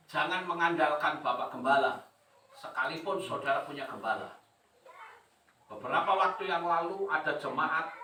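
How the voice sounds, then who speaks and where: A male pastor delivers an animated sermon, laughing lightly and asking the congregation questions. His voice is bright and forceful, a little high. It carries from a distance through a roomy church hall. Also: a little hiss or hum. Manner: animated, chuckling, addresses the congregation with rhetorical questions.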